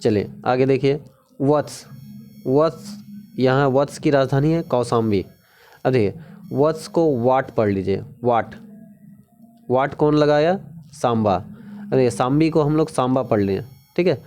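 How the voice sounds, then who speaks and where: A man's voice: medium pitch, a little mellow, faint music behind. A man teaching a casual exam-prep lesson, repeating key words and often checking in with the viewer. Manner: repetitive, keeps asking "ठीक है?"; drawn-out sing-song pronunciation drills.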